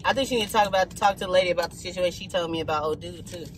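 A man's voice: high voice, rapid-fire, slight background noise, poor audio. A young man, chatting and teasing viewers while driving for food delivery in his car. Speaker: vlogger and delivery driver. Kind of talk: casual chat while driving.

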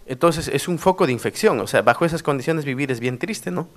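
A middle-aged former mayor from the Cusco region of Peru, with a voice on the high side, speaks a little fast as he tells stories at a workshop. His animated conference talk is peppered with tag questions.

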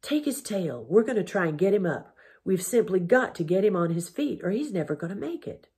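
A woman's voice: medium pitch, sing-song, fairly quick, darkish tone. A woman reading as a stubborn frontier mother. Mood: determined. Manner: firm and stubborn. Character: determined frontier mother, middle-aged woman.

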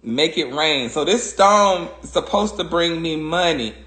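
A man with a high voice and a drawl opening fan mail on a phone livestream, loud and dramatic, dropping to a prayerful murmur between high-pitched outbursts. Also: animated, a little slow, reverberant. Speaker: social media personality. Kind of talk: live-stream fan mail unboxing.

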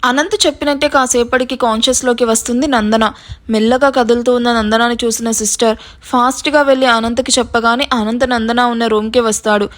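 A woman's voice: fairly high pitch, fairly even intonation, brisk, fairly bright tone. A woman narrating a dramatic story, now and then speaking to listeners directly. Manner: engaging, addresses listeners.

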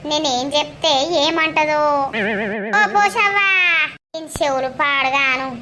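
A woman's voice: sits high, a little slow, bright, forceful tone, slight background noise. A woman voicing a fed-up village boy in a cartoon, speaking in grumbling asides.

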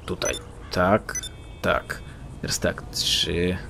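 A man commentates on his gameplay in a joking, mock-boastful way, his low voice gravelly and swinging widely in pitch. Loud game sounds of engines and sirens run behind him. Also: flat delivery, drawn-out words, noisy background.

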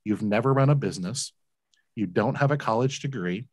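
A man's voice: mid-range voice, brisk, no echo. A man in his forties, a business owner telling his story as a guest on a video call interview, earnest and emphatic, repeating words when moved. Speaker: guest, laundromat entrepreneur. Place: home room, indoors. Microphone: large desk mic with headphones, video call.

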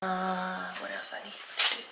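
A woman's voice: fairly low pitch, monotone, a little slow, creaky, heavy background noise. A woman chatting casually to her viewers as she fixes up a room at home. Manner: chatty, talks straight to viewers. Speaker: home renovation vlogger. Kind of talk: casual vlog chat. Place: at home, indoors.

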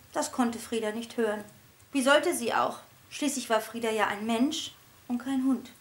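A woman reads her own children's book aloud in a lively storybook narration. Her voice sits high and stays expressive, with animated shifts in pitch.

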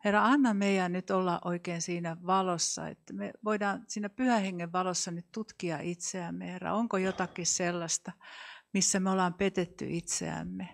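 A woman leading a spoken prayer and sharing a prophetic word, soft and hesitant, with fillers. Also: on the low side, fairly even intonation, creaky. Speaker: prayer leader.

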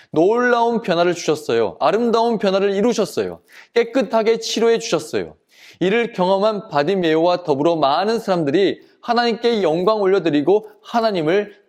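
A man preaching to children, telling a Bible story in a lively storytelling manner and calling them friends. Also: sits high. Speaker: children's pastor. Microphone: studio video recording.

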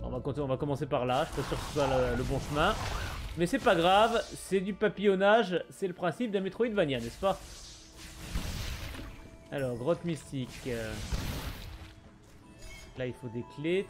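A man's voice: on the high side, measured pace, long pauses. Chatty man streaming a game. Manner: chatty, reads on-screen text aloud, muttering asides. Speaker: gaming streamer. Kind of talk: casual let's play commentary. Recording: light game music behind.

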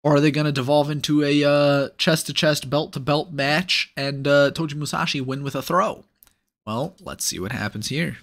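A man's voice: on the high side, moderate pace, fairly bright tone. Upbeat man breaking down sumo bouts. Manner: analytical, upbeat, with playful asides. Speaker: sumo commentator. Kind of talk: casual play-by-play video breakdown.

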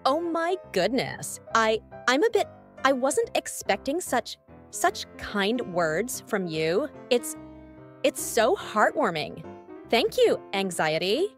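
Brief: a woman playing a sugary cartoon emotion, wildly swooping pitch, sweet and pushy. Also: big pitch swings, measured pace, faint music behind. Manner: sweet, gushing, hesitant stammers. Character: bubbly female emotion Joy, sugary and pushy. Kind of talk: fan comic dub.

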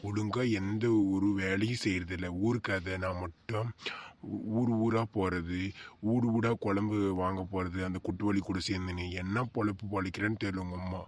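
Man doing a scolding cartoon husband. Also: deep voice. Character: scolding middle-aged husband. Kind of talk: cartoon voice acting.

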